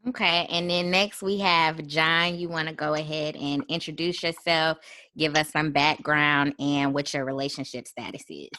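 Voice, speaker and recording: Thirties woman hosting a chatty podcast, low voice, dry close sound. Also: moderate pace, dry recording. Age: 30s. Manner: relaxed, chatty, frequent ums. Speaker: podcast host. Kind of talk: casual podcast chat.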